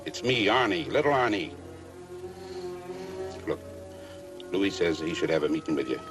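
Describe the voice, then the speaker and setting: Very deep small-time gangster. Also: male voice, animated, moderate pace, music in the background. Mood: insistent. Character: small-time male gangster errand man, insistent. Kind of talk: old crime-drama acting.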